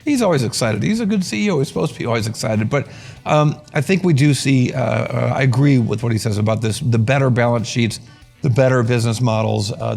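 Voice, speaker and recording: A man hosting an earnings commentary show, talking in a brisk, conversational way with wry asides. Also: mid-range voice, vocal fry, a little mellow, breathy edge. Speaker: host and market strategist.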